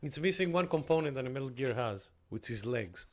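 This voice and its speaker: A man livestreaming a video game with casual, jokey, halting commentary to his chat. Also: mid-range voice, expressive, darkish tone, slight background noise. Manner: jokey, chatty, halting fillers.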